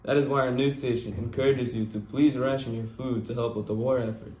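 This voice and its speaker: Mellow guy acting as a 1940s newscaster, formal and earnest, roomy sound. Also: mid-range voice, steady tone, a little fast, far from the mic, natural voice. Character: earnest 1940s male news anchor. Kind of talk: scripted 1940s newscast role-play. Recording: echoey room.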